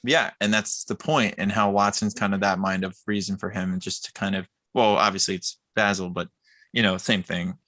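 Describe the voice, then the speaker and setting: A man co-hosting a casual film podcast, excitable and laughing often as he acts out lines. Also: low voice, moderate pace, no room sound, clean studio sound. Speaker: podcast co-host.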